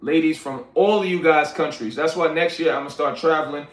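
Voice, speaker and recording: Brisk and fairly high-pitched, a man from Liberia chats with his livestream viewers, reading their messages and addressing them as "y'all" in a relaxed, slangy manner. The sound is roomy with noticeable echo.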